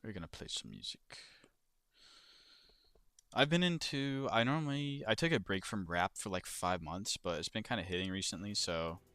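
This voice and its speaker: Laid-back young man, crisp forceful voice. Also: on the low side, moderate pace, dry recording, studio quality. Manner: swears freely, reads out chat questions. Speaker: livestreamer and crypto trader. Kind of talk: casual livestream chat.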